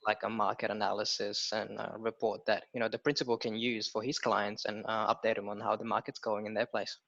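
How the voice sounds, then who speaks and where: A man's voice: lowish voice, a little fast, creaky. A man in his twenties from Ethiopia, a guest chatting casually about his analyst work, with lots of "you know" and "um". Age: 20s. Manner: relaxed, many fillers like "you know" and "um". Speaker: guest, property research analyst. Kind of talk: casual interview chat. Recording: dull lo-fi audio.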